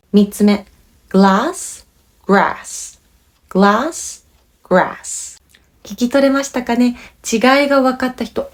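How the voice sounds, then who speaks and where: A woman with a Japanese accent giving a bilingual pronunciation lesson, explaining clearly and patiently and demonstrating words. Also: mid-range voice, darkish tone. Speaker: language teacher.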